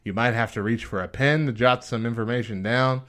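A man's voice: medium pitch, brisk, a bit bright. A man co-hosting a casual chat podcast, laughing often and reading rules aloud. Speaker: podcast co-host.

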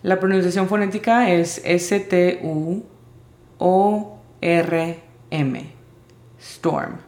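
A woman teaching English vocabulary in Spanish, spelling out each word's sounds slowly and carefully. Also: fairly low pitch, steady tone, a little mellow, echoey room. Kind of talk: vocabulary lesson.

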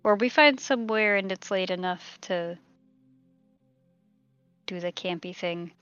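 Smooth-voiced woman on a dry mic. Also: mid-range voice, measured pace, fairly bright tone, dry recording, faint music behind. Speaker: player. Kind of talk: casual tabletop play. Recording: dry, slightly dull close mic.

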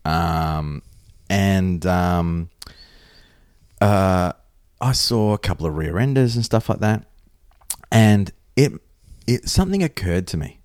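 A man's voice: deep voice, expressive, slow pace, darkish tone, clear, resonant tone, no room sound, clean studio sound. An Australian man co-hosting a podcast, talking casually and bluntly and telling stories in a conversational way. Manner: blunt, sweary. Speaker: podcast co-host.

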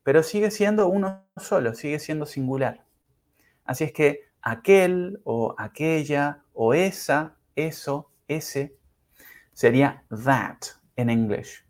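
A man teaching English pronunciation in a podcast lesson, speaking carefully and demonstrating sounds slowly. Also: on the high side. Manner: slow, careful, exaggerated pronunciation drills.

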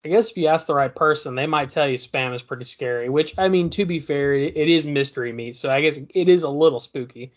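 A man's voice: on the high side, brisk, few pauses, dull audio. A man chatting casually as a podcast co-host in an easygoing, rambling, hesitant way. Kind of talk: casual chat.

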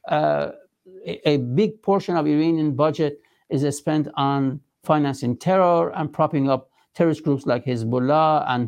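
A man with a Persian accent giving an interview as a political spokesman, speaking emphatically and formally, with halting phrasing. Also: a little high, gravelly, a little mellow. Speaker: resistance movement spokesman being interviewed.

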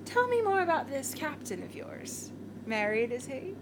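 A woman's voice: sits high, sing-song, moderate pace. A woman voicing a vain, pompous female diva singer who is condescending and cruel, in a comedy audio drama. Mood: mocking. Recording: audible background noise.

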